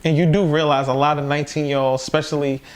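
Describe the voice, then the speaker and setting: A man's voice: a little high, flat delivery, fast. A man hosting a podcast, interviewing casually with supportive interjections and repeated phrases. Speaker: podcast host.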